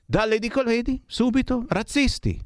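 A man's voice: extremely high pitch, moderate pace, no room sound, clean studio sound. A man hosting live radio, speaking emphatically with exclamations and words repeated for effect. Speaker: radio host. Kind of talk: live radio chat with callers and guests. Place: radio studio.

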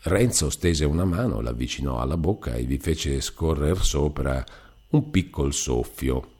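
A male narrator reading a classic novel aloud. His voice is very low and mellow. He reads in a measured, expressive way. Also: husky. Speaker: audiobook reader. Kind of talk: literary audiobook narration.

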